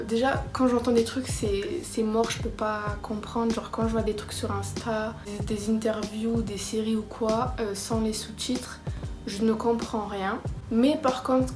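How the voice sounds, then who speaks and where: A young woman vlogger chatting casually to camera, self-mocking and excitable. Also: a little high. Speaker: vlogger tracking her language learning. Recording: roomy echo with background music.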